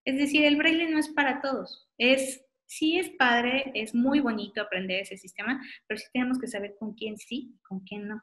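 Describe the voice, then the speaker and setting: Woman, bright voice, casual webinar lecture, friendly, hesitant fillers. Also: a little high, normal speed, hardly any pauses. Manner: informal and friendly, many fillers like "este". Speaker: optometrist giving a webinar talk. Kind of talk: webinar lecture with audience questions.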